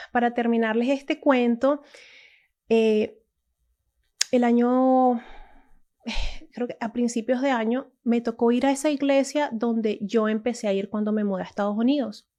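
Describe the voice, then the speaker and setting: A woman's voice: fairly high pitch, warm tone. A woman from Latin America telling a casual, emotional personal testimony, full of restarts and asides. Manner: emotional, storytelling, many restarts and "o sea". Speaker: testimony speaker.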